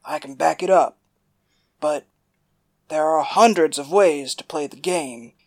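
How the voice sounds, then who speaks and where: A woman voicing a boastful, smooth-talking male gunslinger in an audiobook. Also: sits low, unhurried, darkish tone. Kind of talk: audiobook character voice.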